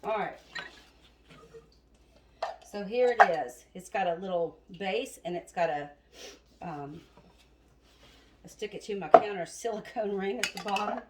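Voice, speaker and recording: A woman's voice: medium pitch, a little slow, pauses often, very noisy. Chatty woman cooking in a kitchen. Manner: chatty, talks to viewers as y'all. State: a bit out of breath. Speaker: home cooking video host. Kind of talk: casual cooking demonstration. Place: home kitchen. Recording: roomy kitchen with loud clatter. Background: chopping and clattering dishes.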